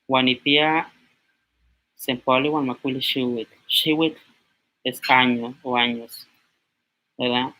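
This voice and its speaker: A young man in his twenties, from Mexico, giving an informal language lesson and slowly repeating words as he writes them out. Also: medium pitch, steady tone, bright, forceful tone. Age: 20s. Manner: slow, repeats words aloud while writing on a board. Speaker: language teacher.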